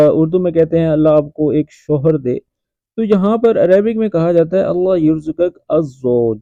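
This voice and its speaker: A man teaching spoken phrases from dramas, slowly repeating each line and explaining its meaning. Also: on the high side, mellow, no room sound. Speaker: language teacher. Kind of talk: explaining drama lines to learners. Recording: muffled lo-fi voice-over.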